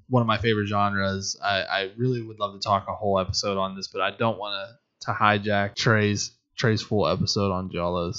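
A man's voice: on the low side, a bit bright, highs cut off. A man co-hosting a podcast in casual chat, chatty and laughing often. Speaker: podcast co-host.

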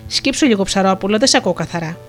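A woman's voice: medium pitch, expressive, faint music behind, lightly acted. A melodious turtle princess, voiced by a woman narrator. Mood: gentle. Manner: melodious, playful and kind. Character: gentle sea princess disguised as a turtle.

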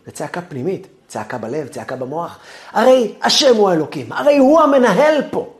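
A rabbi teaching a weekly Torah lesson whose voice swings widely, rising loud as he plays out angry thoughts. He then sinks to a soft, low murmur at the ends of phrases. A lively, dramatic teaching manner. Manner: animated, acts out angry inner voices.

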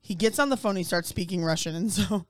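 A woman chatting casually, telling an animated story full of swearing and fillers. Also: lowish voice, quick pace, no echo, studio quality. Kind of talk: casual chat.

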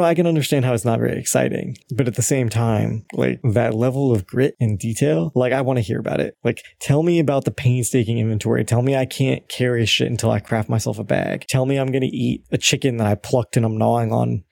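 A man's voice: mid-range voice, fast, creaky, few pauses, darkish tone. A man co-hosting a podcast in casual chat, rambling along, swearing freely and filling his talk with likes and you-knows. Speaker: podcast co-host.

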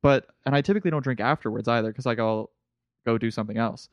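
A comedian in his early twenties, appearing as a guest in a casual podcast chat, tells eager, rambling stories with lots of restarts. He speaks fast in a medium-pitched voice, and the audio is dull with no echo.

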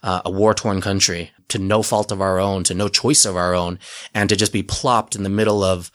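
A man's voice: deep voice, fairly even intonation, normal speed, a bit bright. A man in his forties from Utah, a podcast guest talking earnestly at length, with frequent fillers and restarts. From Utah, United States. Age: 40s. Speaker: guest, dispensary representative. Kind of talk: casual podcast conversation.

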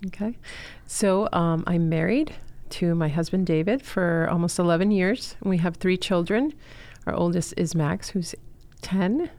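Speaking as an interview guest, a school co-founder in her forties, born in Chile and raised in Miami, earnestly recounts her life story with heartfelt sincerity and filler words. Her fairly low, darkish voice moves unhurriedly with few pauses.

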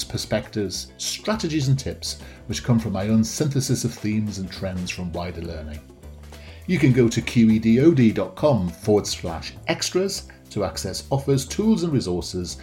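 A man's voice: lowish voice, warm tone. A man hosting a podcast, introducing the show and chatting casually as an interviewer.

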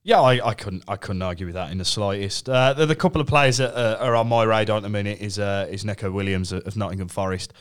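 A man's voice: on the low side, clean tone. A man hosting a casual podcast, eager and upbeat, often repeating words as he starts a thought. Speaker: podcast host. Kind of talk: casual fantasy football chat.

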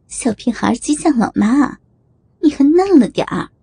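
A woman voices a coy middle-aged mother, playful and giggly, in a high but mellow voice. The tone is soft and a little husky, with faint music underneath. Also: animated, moderate pace, heavily acted. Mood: teasing. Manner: teasing, giggly.

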